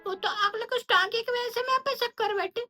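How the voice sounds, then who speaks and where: A man doing a shrill nagging wife. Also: brisk. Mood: sheepish. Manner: nagging, accusing. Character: shrill suspicious middle-aged wife, doting mother. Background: loud background music.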